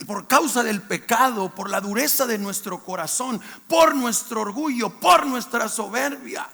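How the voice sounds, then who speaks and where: A male pastor with a Mexican accent preaching a sermon in a colloquial way, bursting into shouts for emphasis. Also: very high-pitched, unhurried, creaky.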